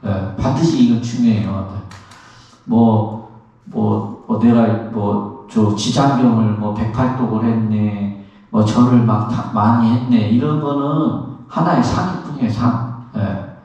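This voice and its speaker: A Korean Buddhist monk giving a lively dharma talk to an audience. He acts out everyday complaints and asks the listeners questions. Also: fairly low pitch, a little slow, dull audio. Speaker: Buddhist monk, temple abbot. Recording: very echoey, from far off.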